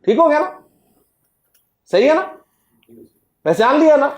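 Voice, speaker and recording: Teacher quizzing a class, echoey room. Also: male voice, very high voice, sing-song. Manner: drills word forms slowly, quizzing the class. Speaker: Arabic grammar teacher. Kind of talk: classroom lecture.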